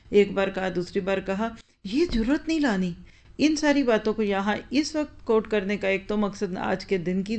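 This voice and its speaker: A woman teaching an Islamic lesson in a mid-range voice, neither high nor low. She talks critically and fires off rhetorical questions at her listeners. She explains patiently and repeats phrases to drive her points home. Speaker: religious teacher. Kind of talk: Islamic religious lecture.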